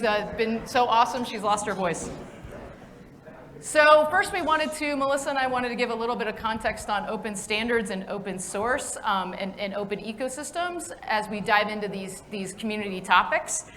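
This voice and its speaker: A woman with a somewhat high voice hosts a conference breakfast in an upbeat, friendly way. She trips over a few restarts and fillers. The room rings with a long hall reverb. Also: normal speed, fairly bright tone. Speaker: event host and facilitator. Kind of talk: welcoming talk to a breakfast audience.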